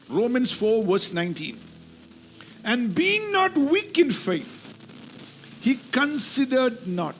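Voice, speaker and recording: A man with a very high-pitched voice preaches an emphatic sermon, repeating key phrases as he teaches from scripture, with a little hiss or hum on the recording. The talk includes scripture reading and call-and-response.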